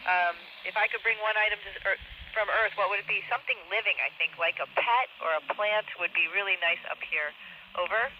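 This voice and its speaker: A man's voice: high-pitched, brisk. A man speaking from a space station over a radio downlink, patiently repeating call signs and answering questions. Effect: heard over a radio downlink. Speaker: astronaut answering school questions. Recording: muffled radio reception with loud static.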